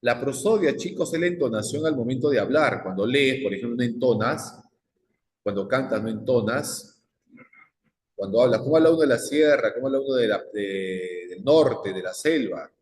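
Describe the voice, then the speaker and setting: A man's voice: mid-range voice, lively intonation, moderate pace, darkish tone. A male psychology teacher, lecturing a class and firing repeated questions at the students. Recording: echoey classroom with long reverb.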